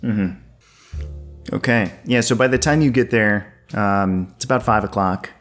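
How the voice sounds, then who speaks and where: A man with a fairly low voice narrates a tabletop role-playing game as its game master. He feels his way through the scene haltingly. Faint guitar music plays underneath. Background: soft guitar music.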